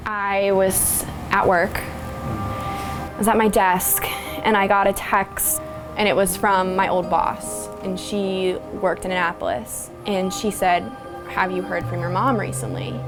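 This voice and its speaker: A young woman speaks quietly in a documentary interview, her phrases halting and full of fillers. A clear music bed plays beneath her voice. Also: mid-range voice. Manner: soft, halting, frequent "like". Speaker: interviewee, daughter of a victim.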